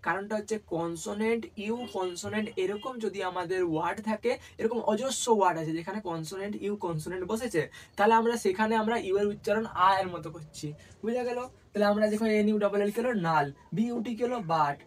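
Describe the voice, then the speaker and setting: A man's voice: sits high, quick pace, rough recording. Man teaching, quizzing himself aloud. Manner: repetitive, asks rhetorical questions and answers them. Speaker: English teacher. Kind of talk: classroom-style spelling lesson.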